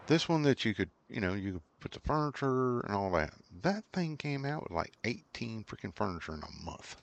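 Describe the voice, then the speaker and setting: A man's voice: fairly low pitch, vocal fry, a bit bright, slight background noise. A middle-aged man hosting a farming game video, rambling and ranting in casual commentary with lots of fillers and restarts. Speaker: gaming channel host.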